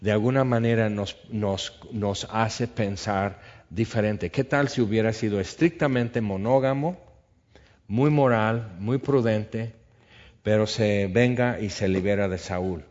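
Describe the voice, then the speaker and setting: Male preacher, low voice, animated sermon, muffled lo-fi recording. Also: unhurried. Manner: animated, acts out biblical dialogue. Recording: dull lo-fi sound.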